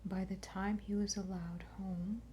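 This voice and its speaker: A woman speaking in a soft, breathy library whisper, quietly and unhurriedly presenting as an ASMR host. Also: mid-range voice, level tone, measured pace, lo-fi sound, a little hiss or hum. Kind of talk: soft-spoken ASMR whisper, library-style book show and tell.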